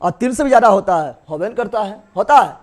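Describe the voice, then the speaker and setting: A young man with a high voice, a darkish tone and lively intonation runs a biology class. He uses a lecture style, asking quick questions one after another and repeating the key terms.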